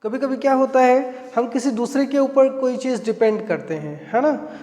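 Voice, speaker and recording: A man's voice: very high-pitched, normal speed, warm tone. A man with an Indian accent teaching spoken English, explaining each phrase and repeating it with frequent tag questions. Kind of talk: spoken English lesson in Hindi. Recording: echoey room with long reverb.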